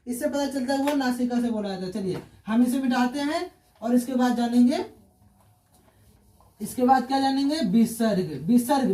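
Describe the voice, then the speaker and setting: A man's voice: extremely high pitch, warm tone. A male teacher, giving an online grammar lesson. He asks questions and answers them himself, repeating key terms. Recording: roomy echo, distant from the mic.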